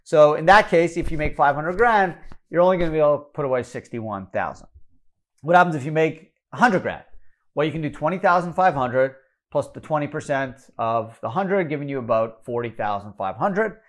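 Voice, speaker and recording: A man with a Canadian accent explaining retirement contribution limits, brisk and number-heavy, correcting himself as he goes. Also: a little high, lively intonation. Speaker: financial educator. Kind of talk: explanatory talk.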